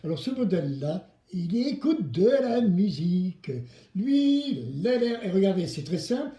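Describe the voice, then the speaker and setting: Children's DIY presenter: playful, theatrical, very lively intonation, soft-edged tone, addressing kids directly, recorded in an echoey room. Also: mid-range voice, a little slow. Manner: playful, theatrical, exclamatory, asks the children to answer. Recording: roomy, echoing indoor sound.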